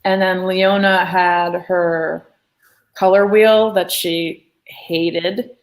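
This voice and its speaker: A woman with a somewhat low voice hosts a live art lesson from her studio, chatting loosely, with plenty of filler words and asides. She talks casually and never reads from a script. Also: fairly even intonation, drawn-out words, rough recording. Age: adult. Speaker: art class host.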